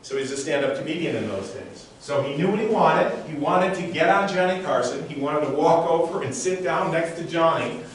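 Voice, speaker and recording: A man's voice: fairly high pitch, normal speed, few pauses. A man works a live audience as an intense mind reader. He speaks emphatically, circling back on phrases and issuing short commands. His voice comes from some distance in a very reverberant room, with a faint layer of noise. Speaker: mind reader and stage performer. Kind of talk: live stage show, motivational talk with audience demonstration. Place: large echoey room before a live audience.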